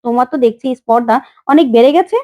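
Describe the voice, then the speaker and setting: A domineering matriarch from a family serial, voiced by a woman narrator speaks in an imperious, indignant way. The voice is pitched high, and the recording is dull and lo-fi. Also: racing, lightly acted. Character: proud, domineering older woman.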